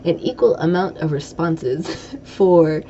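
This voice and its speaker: A woman's voice: deep voice, expressive, slow, mellow. A woman hosting a casual podcast chat, rambling and self-correcting, with a slight lisp from a broken tooth. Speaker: podcast host. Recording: dull lo-fi audio with faint noise.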